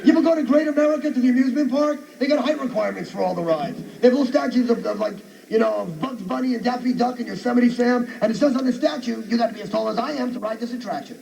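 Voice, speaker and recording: Fast, ranting stand-up comedian, very high voice. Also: male voice, creaky. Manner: abrasive, ranting, sarcastic. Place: comedy show stage at a university. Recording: distant noisy live radio recording.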